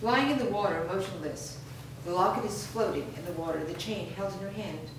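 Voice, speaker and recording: Medium in pitch and brisk in delivery, a woman reads stage directions as narration during a staged screenplay reading. The recording is far off and very echoey, and background noise is present in the reverberant room.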